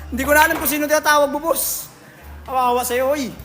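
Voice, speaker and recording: A man's voice: very high-pitched, fairly even intonation, quick pace, bright, forceful tone, soft background music. A man with a Filipino accent hosting a casual livestream, reading out viewer comments in a jokey, teasing way and laughing often. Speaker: livestream host at a billiards hall.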